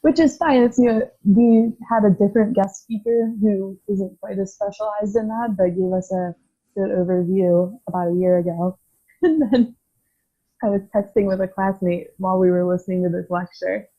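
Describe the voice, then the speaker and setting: A woman's voice: mid-range voice, moderate pace, dark tone. A woman in her twenties, a physical therapy student and podcast guest, talking frankly and thoughtfully in casual conversation, laughing easily. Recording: tinny phone-like line.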